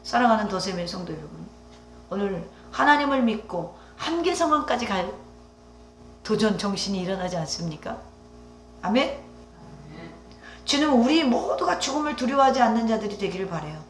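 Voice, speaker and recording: High-voiced woman pastor preaching. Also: big pitch swings, normal speed, long pauses, slight background noise. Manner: emphatic, rising exclamations with rhetorical questions to the congregation. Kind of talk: Sunday sermon. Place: church sanctuary. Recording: echoey church hall.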